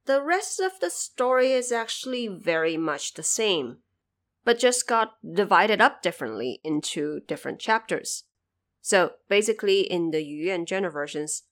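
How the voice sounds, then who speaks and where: A woman with a fairly low, slightly bright voice hosts a podcast. She works through scripted explanations and drops in conversational asides aimed directly at the listener.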